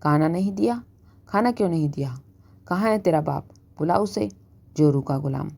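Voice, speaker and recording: A woman voicing an angry middle-aged husband who shouts and taunts, in a storybook reading. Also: low-pitched, lively intonation, normal speed, gravelly, heavily acted. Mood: shouting. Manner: shouting, sarcastic.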